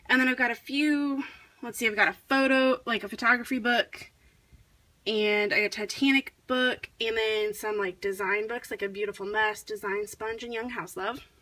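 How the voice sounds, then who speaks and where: A woman's voice: on the high side, steady tone, moderate pace, bright, forceful tone. A young woman chatting casually while giving a home tour for her vlog, with plenty of fillers and a rambling way of talking. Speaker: vlogger.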